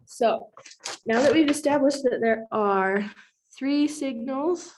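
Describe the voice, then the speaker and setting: A woman's voice: sits high, slow pace, a little mellow, slight background noise. A young adult woman who has a cold, giving a recorded class presentation as a chemistry student, explaining steadily with frequent ums.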